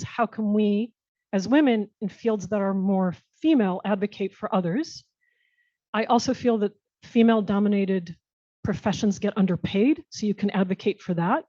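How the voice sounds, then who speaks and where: An American woman, a guest at a panel Q&A, gives conversational answers earnestly and reflectively, often restarting her phrases. Her medium-pitched voice is mellow and dry, and the recording sounds muffled and dull.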